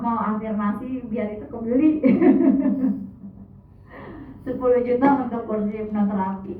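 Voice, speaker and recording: A woman giving a casual hypnotherapy lecture, chatty and animated, sometimes acting out soothing instructions to a patient. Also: mid-range voice, a little hiss or hum. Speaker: hypnotherapy trainer. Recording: echoey room, far mic, tinny lo-fi sound.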